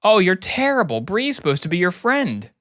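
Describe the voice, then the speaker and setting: A man's voice: high voice, wildly swooping pitch, moderate pace, fairly bright tone, voice pushed up, full character voice. A man voicing a catty, gossipy teenage girl from a video game. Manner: gossipy, exclaiming. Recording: music behind the voice.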